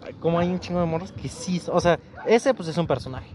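High-voiced Mexican man telling stories. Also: a little fast. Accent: Mexican Spanish. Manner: animated storyteller, acts out quoted people. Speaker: podcast co-host. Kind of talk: casual chat.

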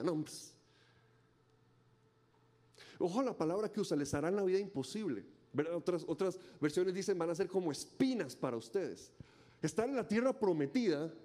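A man delivers a sermon. His voice sits high yet sounds mellow and warm. He preaches dramatically, acting out voices and hammering rhetorical questions. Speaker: pastor.

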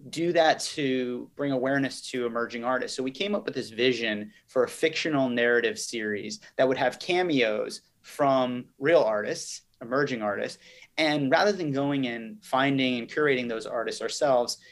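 Here a male CEO is interviewed on a podcast, giving articulate, conversational answers as he explains and recounts events. He speaks at a moderate pace in a medium-pitched voice with a bit of brightness.

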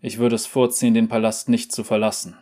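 A man voicing a loyal, dutiful veteran seneschal in a measured, solemn tone. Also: fairly low pitch, level tone, mellow, lightly acted. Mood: grave.

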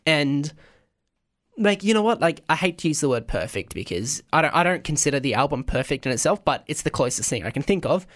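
A man co-hosting a radio show in casual chat, often halting and searching for words. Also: a little high, big pitch swings. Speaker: radio co-host.

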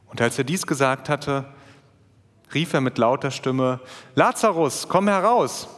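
A man's voice: medium pitch, big-room sound. A man preaching a sermon, first reading a Bible passage aloud and then explaining it with small restarts.

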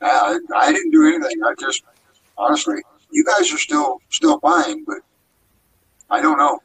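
A man speaking as a podcast guest in casual chat, his voice warbling and robotic as if spoken into a fan, halting and repeating his words. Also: very high voice, wildly swooping pitch, vocal fry, far from the mic, crowd noise. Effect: warbling robotic distortion, like talking into a fan. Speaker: podcast guest, paranormal investigator.

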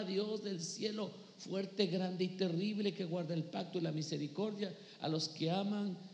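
A man preaching a sermon as pastor, reading scripture and calling out to his congregation with emphatic bursts. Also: fairly high pitch. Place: church hall. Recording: echoey church hall with long reverb.

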